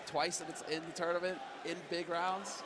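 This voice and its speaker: Guy doing excited esports caster play-by-play, high voice, urgent, noisy event behind him. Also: normal speed. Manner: urgent, building to shouts at big plays.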